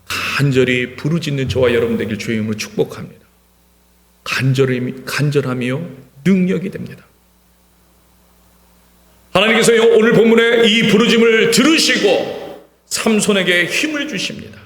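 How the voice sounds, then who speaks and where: A male pastor preaching an impassioned sermon in a church, repeating words for emphasis and swinging from hushed to shouting. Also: a little high, animated, normal speed. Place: church sanctuary. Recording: reverberant church hall.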